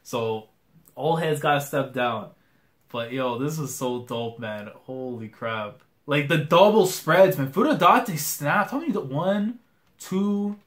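A young man reading a comic chapter aloud and reacting to it live, casual and excitable, full of slang. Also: a little high, takes it slowly. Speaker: manga reaction host.

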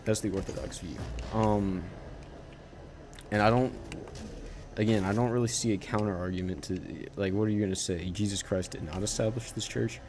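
A man giving casual commentary while he plays a game, rambling with halting starts and frequent self-corrections. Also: fairly low pitch, fairly even intonation, darkish tone, a little hiss or hum. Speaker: gaming channel host.

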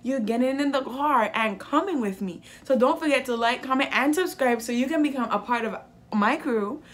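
A woman's voice: high-pitched, normal speed, a little hiss or hum. A young woman vlogging in a casual, playful way, chatting straight to her viewers as she runs errands. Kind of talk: casual vlog chat to viewers.

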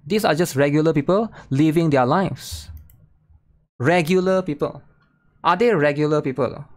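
A young man with a fairly high voice, talking at normal speed, gives relaxed reaction commentary on a game trailer while streaming from his desk in an indoor room. Trailer music runs underneath, and he repeatedly checks in with "right?" and "guys."

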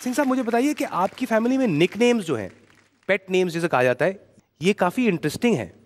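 Bouncy high-voiced game show host man. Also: expressive, fast talker, slight background noise. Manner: joking, teasing contestants. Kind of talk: lively game show hosting. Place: TV studio stage.

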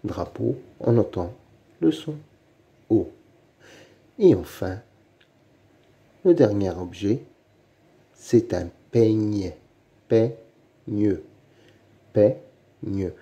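A man leads a children's reading lesson, saying each word slowly and then saying it again. His voice is low and very dark, and it swings up and down with a lot of life. He takes his time on every syllable. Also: animated, creaky. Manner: slow, deliberate, repeats each word and syllable. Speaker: reading teacher.

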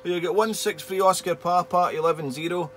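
Higher-pitched man on a hissy radio. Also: fairly even intonation, fairly quick, fairly bright tone. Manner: friendly, chatty, uses call signs and radio jargon. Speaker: amateur radio operator. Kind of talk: casual two-way radio contact chat. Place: indoor home radio shack. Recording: radio hiss and hum.

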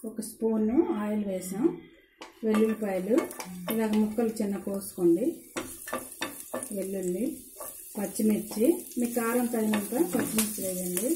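A woman's voice: mid-range voice, fairly even intonation, moderate pace, long pauses, noisy background. A woman hosting a home cooking demonstration at her stove, chatty and instructive, repeating her tips. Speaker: cooking channel host. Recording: echoey kitchen with sizzling frying.

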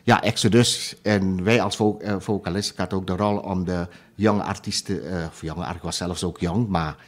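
A man in his sixties from Suriname, with a fairly low voice, speaking as a guest in a radio interview. He talks in a hesitant, searching way, full of fillers and restarts. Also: fairly even intonation, moderate pace. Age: 60s. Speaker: guest musician. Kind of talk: interview conversation.

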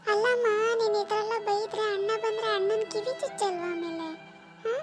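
A woman's voice: very high voice, brisk, soft background music. A woman voicing a young grown daughter who mildly reproaches her mother in a cartoon drama. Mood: reproachful.

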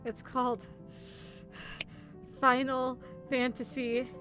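A woman's voice: high voice, little pitch movement, slow pace, music in the background. A woman playing an awkward young male gamer on a date, talking in a hesitant, stumbling way. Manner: hesitant, stumbling, breaking into laughter.

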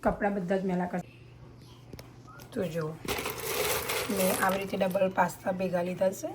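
A woman's voice: medium pitch, flat delivery, unhurried, over loud music. A mother chatting with her children for a home vlog, coaxing and scolding them. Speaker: mother and vlogger. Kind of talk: casual family vlog. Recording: home video with clear background noise.

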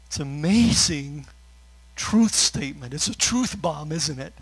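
Emotional man preaching a relaxed sermon. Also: on the high side, measured pace, gravelly, husky, poor audio. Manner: conversational preaching with fillers and asides; gets emotional, laughs through his words. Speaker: pastor.

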